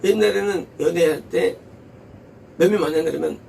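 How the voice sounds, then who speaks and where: A man's voice: on the high side, normal speed, gravelly, a little mellow, recorded from a distance, a little hiss or hum. A male pastor preaching a sermon in an emphatic way, posing rhetorical questions and repeating words for stress. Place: church.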